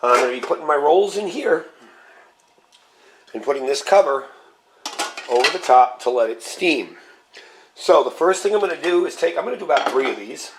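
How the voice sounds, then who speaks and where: This cooking vlogger, still a little scratchy from a cold, stays relaxed as he walks through every step and handles his equipment. He speaks at a moderate pace in a fairly high voice, leaving long pauses.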